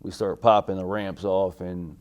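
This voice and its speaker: Middle-aged American male veteran, low relaxed voice, remembering service days in halting, courteous interview answers. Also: dull audio. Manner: veteran remembering, halting recall with deferential politeness. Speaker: military veteran being interviewed. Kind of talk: oral history interview, recalling army service.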